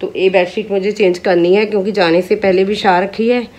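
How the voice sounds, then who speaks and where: A woman's voice: mid-range voice, fairly even intonation, fairly quick, a little mellow. A woman in her thirties with a sore throat, chatting casually to viewers while filming at home on a handheld phone. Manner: chatty, addresses viewers as friends. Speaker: vlogger, mother. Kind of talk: casual home vlog narration. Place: home, kitchen and rooms.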